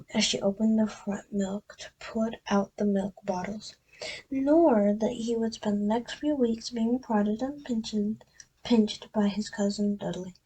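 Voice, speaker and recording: A woman reading a book aloud in a soft, half-whispered voice, often stopping to correct herself. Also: a little high, breathy edge, rough recording. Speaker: storyteller.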